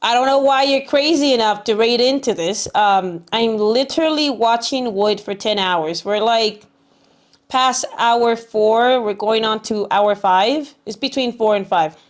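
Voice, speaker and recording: A woman's voice: on the high side, measured pace. A woman livestreamer chatting casually with her viewers in a cute, bubbly anime-streamer way, often repeating herself.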